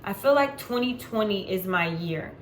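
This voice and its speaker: A woman's voice: mid-range voice, expressive, moderate pace. A woman in her forties talking to camera in a casual vlog, chatty and unfiltered, with frequent ums. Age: 40s. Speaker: vlogger. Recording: echoey room with faint background noise.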